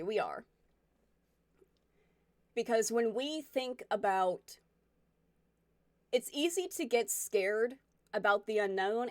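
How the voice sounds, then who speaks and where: A woman in her twenties talks openly and a little rambly, musing aloud as she answers her viewers. Her voice sits at an ordinary middle pitch for a woman. The sound is dry and close, with no room echo. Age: 20s. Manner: candid, rambling, self-reflective. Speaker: streamer chatting with viewers. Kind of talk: casual chat reading viewer comments.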